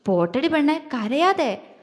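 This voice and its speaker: A woman's voice: on the high side, lively intonation, moderate pace, a little mellow, long reverb tail, lightly acted. A woman voicing an affectionate, teasing young husband in a romance audio story, speaking in a coaxing, playful way. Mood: tender.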